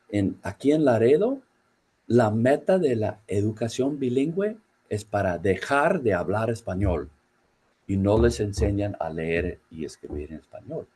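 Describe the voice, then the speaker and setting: A man speaks slowly in a low, dark voice, pausing often with fillers and restarts as he gives a conference talk. His pitch sits low and his tone is mellow. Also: husky. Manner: halting, many fillers and restarts. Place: university in Laredo, Texas.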